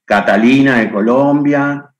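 Over a webcam in a room at home, a middle-aged Argentine webinar host chats live and greets viewers by name. His medium-pitched voice, accented in Argentine Spanish, goes a little slowly, and the recording sounds muffled.

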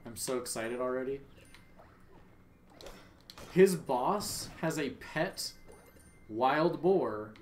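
A man's voice: medium pitch, slight background noise. A man streaming a game live, commenting as he plays and chatting with viewers in a joking, profane way.

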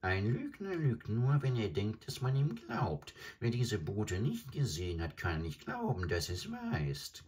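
A pompous, fussy storybook crane, as a man voices him speaks in a raised, croaking tone. He sounds husky and grainy. His speech swings widely in pitch. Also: wildly swooping pitch, measured pace, hardly any pauses, a little mellow, heavily acted. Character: proud, fussy male adjutant crane, a scavenger.

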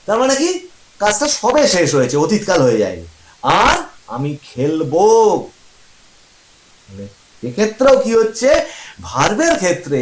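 A man teaching English grammar as a lesson. He asks questions and answers them himself, and repeats examples slowly. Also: a little high, roomy sound, poor audio. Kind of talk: classroom-style grammar lesson.

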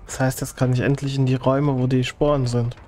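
A man's voice: mid-range voice, flat delivery, brisk, darkish tone, soft background music. A man giving casual let's play commentary, laconic and muttering to himself.

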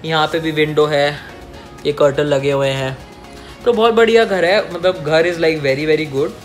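With faint music in the background, a young man in his twenties speaks at a measured pace in a voice on the high side. The vlogger shows off his small apartment in a relaxed, joking home-tour video, phone at arm's length, blending Hindi and English.

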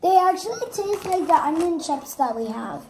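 A woman's voice: very high-pitched, expressive, normal speed, darkish tone. A child co-host tasting snacks with her dad, nervous and hesitant about trying new foods. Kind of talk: casual snack review chat. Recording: background noise with wrapper crinkling.

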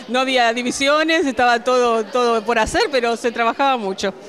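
A middle-aged woman with a Buenos Aires accent, a ceramics teacher giving unhurried, plain interview answers into a handheld mic in an indoor hall. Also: a little high, a bit bright. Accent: Buenos Aires Spanish. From Buenos Aires, Argentina. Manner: unhurried, plain, with filler pauses. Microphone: handheld reporter mic.

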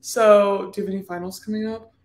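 A woman's voice: mid-range voice, steady tone, a little fast, a little mellow. A young woman co-hosting a casual podcast chat, upbeat and supportive. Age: young adult. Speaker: podcast co-host. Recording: echoey room.

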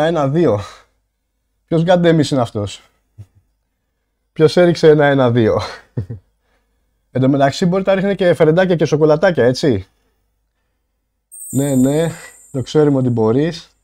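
A man streaming live, chatting casually with viewers while out of breath and thanking donors with loud bursts of excitement. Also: a little high, long pauses. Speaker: livestreamer. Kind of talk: casual livestream chat with viewers.

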